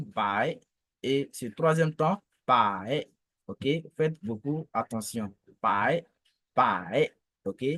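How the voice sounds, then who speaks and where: Slow, patient male language teacher. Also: medium pitch, fairly bright tone, no echo. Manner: patient, repeats each syllable several times.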